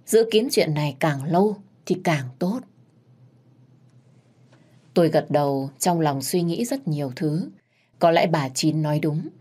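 A young woman tells a story in the first person. Her narration is expressive and lively, in a fairly low voice. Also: measured pace, long pauses, breathy edge.

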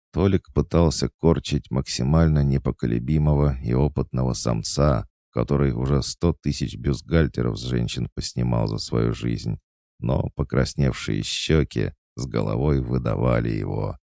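A man narrating a first-person fantasy audiobook in a wry, deadpan way. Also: a bass voice, gravelly, no room sound, clean studio sound.

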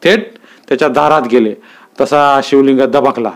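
A man reading a literary story aloud with steady, vivid narration. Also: medium pitch, moderate pace.

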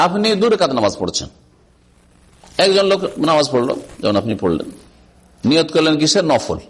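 A middle-aged man teaching a religious lesson, his voice sitting a little higher than most men's. He keeps putting rhetorical questions to his listeners and breaks off to recite Arabic passages before explaining them. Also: sing-song, brisk, husky. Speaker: Islamic scholar teaching hadith. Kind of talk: religious lecture.

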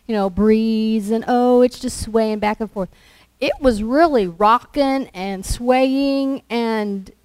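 Slow, conversational woman preaching a sermon. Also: a little high, a little mellow, no room sound, rough recording. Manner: slow, conversational storytelling with acted-out quotes.

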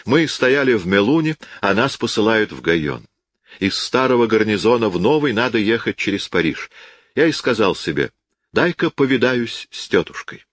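A man's voice: lowish voice, a bit bright, dry recording, studio quality. A man voicing a glib, self-assured young cavalry officer for an audiobook, breezy and lightly mocking. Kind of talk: audiobook character voice.

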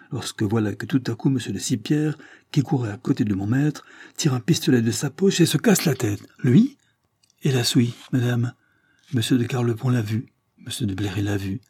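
Man voicing an elderly nursemaid, pleading, urgent, raised husky voice, audiobook, dry close mic. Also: no room sound, lightly acted. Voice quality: raised pitch, forceful. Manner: earnest and pleading. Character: bold elderly peasant nursemaid, devoted and urgent. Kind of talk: audiobook character reading.

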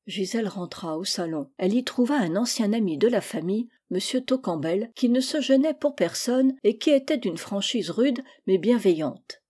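A woman reads a classic children's story aloud in a calm, even manner. Her voice is mellow and dark-toned at a mid pitch. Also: moderate pace, hardly any pauses, husky. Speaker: audiobook reader. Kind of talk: scripted narration.

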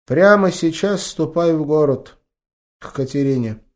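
A man's voice: fairly high pitch, unhurried, voice pushed up, close to an everyday voice. A man voicing a stern old village healer woman, a grandmother who talks in fussy, commanding folk speech.

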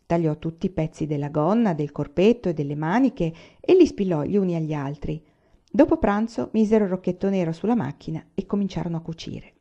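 A woman reading a novel aloud in a measured, even narrating voice. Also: on the low side, muffled recording. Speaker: audiobook reader. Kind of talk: storybook reading.

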